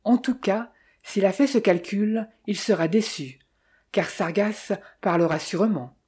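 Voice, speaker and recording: A woman's voice: medium pitch, unhurried, a little mellow, slightly rough. A woman reading as a worried young clerk. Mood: rueful. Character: young male clerk, worried amateur detective. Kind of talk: audiobook dialogue reading.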